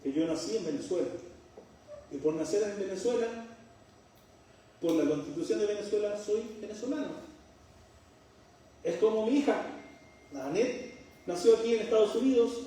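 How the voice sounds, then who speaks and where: In a very echoey church hall, with the mic far off and slight background noise, a middle-aged preacher from Chile delivers a sermon in a high-pitched, mellow voice and a Chilean accent. He poses rhetorical questions to the congregation and mixes in jokes.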